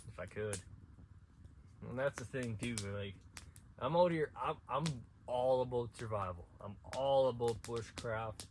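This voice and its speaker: Standing outdoors at night by an abandoned school, a man from central Saskatchewan, Canada, spins casual stories for his vlog camera. He talks in a lowish voice over background noise, wandering through his tales with restarts and little laughs.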